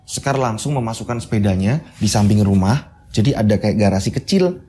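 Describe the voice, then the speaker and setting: A man's voice: fairly low pitch, lively intonation, brisk, warm tone, a little hiss or hum. A man hosting a channel and telling a horror story in a casual, chatty way, repeating phrases and adding asides.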